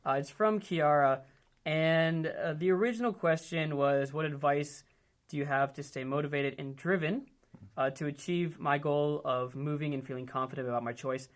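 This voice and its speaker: An upbeat man from Ohio hosts a relaxed indoor chat with friends. His voice sits a touch high, and he talks in a loose, chatty way, often restarting and tossing in fillers. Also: moderate pace. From United States, Ohio. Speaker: host. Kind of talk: casual group chat.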